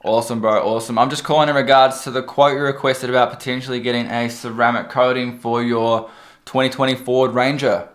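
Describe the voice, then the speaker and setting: Casual Kiwi male vlogger, informal salesman delivery, mid-pitched, roomy sound. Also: flat delivery, brisk. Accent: New Zealand. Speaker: vlogger and car detailing business owner. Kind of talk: casual vlog talk and sales calls.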